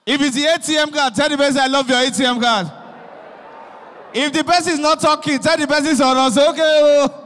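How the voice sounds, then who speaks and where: A young man with a Nigerian accent doing animated stand-up comedy in Pidgin, acting out his characters, on a handheld mic on a concert stage. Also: extremely high pitch, a little fast. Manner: animated storytelling, acting out police and pastors. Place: large concert stage with live audience. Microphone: handheld microphone. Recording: long reverb of a large hall.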